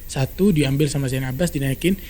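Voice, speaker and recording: A man telling a story in a casual podcast chat, brisk and animated, acting out quoted dialogue. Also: medium pitch, slight background noise. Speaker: storyteller guest.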